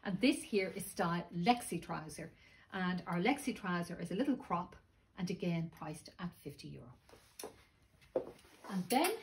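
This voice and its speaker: Lady showing off stock in a shop, lowish sore throaty voice, some background noise. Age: middle-aged. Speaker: boutique presenter. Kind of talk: casual sales presentation to camera. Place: small clothing boutique, indoors. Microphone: phone camera a few metres away. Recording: steady background shop noise, phone video.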